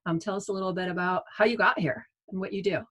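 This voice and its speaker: A woman's voice: medium pitch, steady tone, quick pace, a bit bright. A woman moderating a panel, upbeat and encouraging as she passes the floor to guests.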